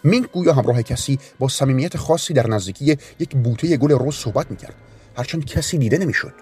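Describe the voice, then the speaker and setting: A man reading a story aloud in a calm, measured way. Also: mid-range voice. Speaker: narrator. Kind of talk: audiobook narration. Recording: narration with faint music bed.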